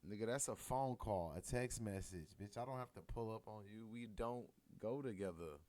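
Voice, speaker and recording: Brief: male streamer with a lowish voice, crude mocking reaction commentary. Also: moderate pace, a little mellow. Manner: mocking, heckling. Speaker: streamer reacting to a court show.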